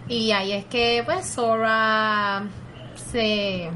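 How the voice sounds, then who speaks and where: High-voiced Puerto Rican woman mixing Spanglish. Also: steady tone, very slow, sharp tone, slight background noise. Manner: speaks Spanglish, switching between Spanish and English. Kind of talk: casual chat, explaining a game story.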